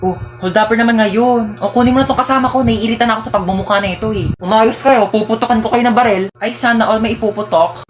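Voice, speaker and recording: A woman's voice: a little high, fast. A woman narrating and acting out comedic storytime skits in a playful, teasing way, with music playing behind.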